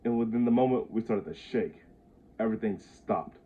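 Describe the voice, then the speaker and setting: Low-voiced young man on a tinny line. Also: normal speed, mellow. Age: 20s. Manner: casual, stumbling over his handwriting, chuckling asides. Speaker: reader of his own story. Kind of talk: reading aloud his own handwritten essay. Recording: tinny phone-like audio.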